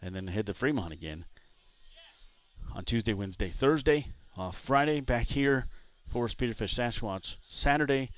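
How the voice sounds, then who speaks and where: A man from San Diego doing play-by-play commentary for a baseball game, chatting between pitches. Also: moderate pace, dry recording. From San Diego, California. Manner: relaxed, chatty between pitches, jumps up loud on big hits. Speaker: play-by-play announcer.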